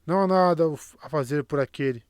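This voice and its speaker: A man reading the lines of a calm, commanding sorceress in a measured, curt way. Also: fairly high pitch, clear, resonant tone, no room sound, clean studio sound, close to an everyday voice. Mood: calm firm. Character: calm commanding Aes Sedai woman.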